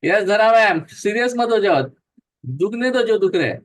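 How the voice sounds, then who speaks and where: Male yoga teacher, high voice, unhurried counting, cheerful coaxing, Hindi-English mix. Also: expressive. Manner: slow counting, mixes Hindi and English, joking and encouraging. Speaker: yoga and breathing instructor. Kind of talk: guided breathing class, counting aloud.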